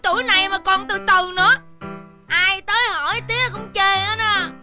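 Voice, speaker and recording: A woman's voice: very high voice, moderate pace. An actress playing a complaining unmarried daughter in her thirties in a comedy sketch. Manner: complaining, pleading. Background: background music.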